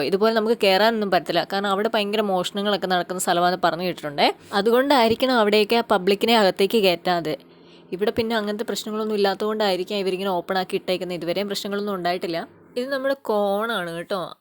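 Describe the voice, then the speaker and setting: A woman from Kerala talks her viewers through a farm garden outdoors. Her delivery is casual and explanatory. She keeps checking in with little tag questions as she goes. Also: medium pitch. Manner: chatty, explanatory, often adds tag questions. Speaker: vlogger. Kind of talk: casual walking farm-tour vlog.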